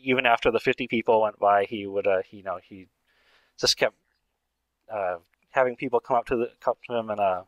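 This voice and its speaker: A man's voice: on the low side, brisk, a bit bright, no room sound, dull audio. A man on a casual podcast, telling a story in a rambling way with many fillers and restarts. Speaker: podcast co-host.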